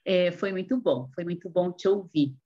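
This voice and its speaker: A woman's voice: on the low side, normal speed, warm tone, husky. A woman participant on a video call who politely asks a question and checks whether she has understood. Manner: courteous, thoughtful, checks her understanding. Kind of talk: polite question in an online meeting. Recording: dull call audio.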